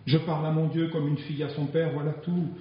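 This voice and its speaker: A man voicing a calm, devout woman of prayer in a spoken religious story, quiet and earnest. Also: on the high side, fast talker, close to an everyday voice. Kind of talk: reading a religious story aloud. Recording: very echoey, dull lo-fi sound.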